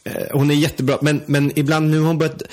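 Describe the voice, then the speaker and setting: A man's voice: fairly high pitch, little pitch movement, a little mellow. A man in casual podcast chat, hesitant with frequent restarts, teasing his co-host.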